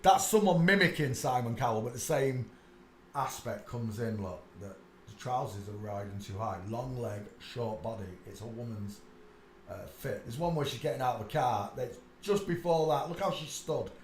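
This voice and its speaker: A man of medium pitch speaks at a moderate pace, with slight background noise. He's his channel's host, rambling casually yet insistently over a set of pictures with many asides and "uh"s, and the echoey room has faint ambience.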